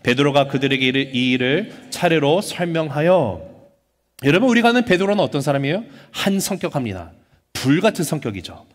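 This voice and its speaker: Pastor, male, high voice, dramatic preacher, church hall reverb. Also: lively intonation, a little fast. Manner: dramatic, acts out biblical figures; asks the congregation questions. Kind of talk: sermon. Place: church sanctuary.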